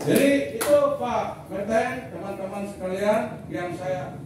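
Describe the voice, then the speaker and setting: A middle-aged man leading an organization, giving a blunt, military-style rallying speech that builds to loud repeated declarations. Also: sits high, a little slow. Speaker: leader of a community organization addressing members. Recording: echoey hall, mic far off, faint noise.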